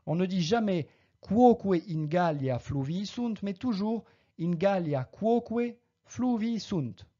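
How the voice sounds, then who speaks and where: A patient Latin teacher speaks at a mid pitch, with a warm, mellow tone. They say each Latin word carefully, then explain it plainly. The recording is somewhat dull and lo-fi. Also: lively intonation, slow pace. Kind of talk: recorded language lesson.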